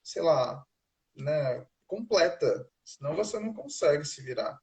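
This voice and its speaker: A man hosting a relaxed interview, asking long rambling questions with fillers. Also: a little high, unhurried. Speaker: host. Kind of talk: casual interview.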